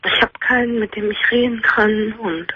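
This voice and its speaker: A woman calling into a late-night radio show, recounting a loss haltingly through her grief. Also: fairly high pitch, a little hiss or hum. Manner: halting, grief-stricken retelling. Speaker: caller. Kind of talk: late-night call-in conversation. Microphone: telephone. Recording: dull phone line on radio.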